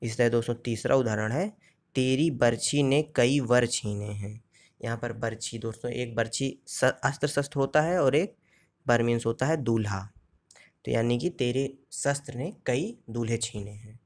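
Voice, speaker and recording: A man teaching an exam-prep grammar lesson in a mid-range voice that sits at an ordinary height for a man. He explains each point step by step, puts questions to his listeners and answers them himself. When he quotes verse, he slows down and recites it deliberately. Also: mid-range voice. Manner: recites verse examples slowly.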